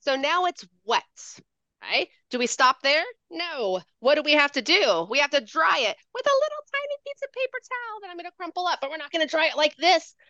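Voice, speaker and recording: Woman educator, bright high voice that swoops a lot, playful sing-song teacher delivery, dry slightly dull video-call sound. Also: sing-song, fairly quick, no room sound. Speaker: educator demonstrating handwriting. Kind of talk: lively teaching demonstration over video call.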